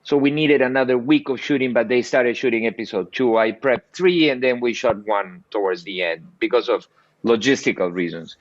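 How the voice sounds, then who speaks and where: An older man from South America, a cinematographer telling stories on a video call interview, animated with frequent restarts. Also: moderate pace, dry recording, lo-fi sound. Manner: animated storyteller, lively pitch swings, frequent restarts. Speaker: cinematographer guest. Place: bright home room by window. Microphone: earbuds on video call.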